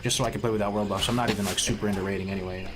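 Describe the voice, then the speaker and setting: A man with a lowish voice livestreams and talks casually with viewers, firing off words rapidly in a steady tone. He's congested and sniffly from a cold, rambles, restarts sentences, and leans on gamer slang, while music plays clearly in the noisy background.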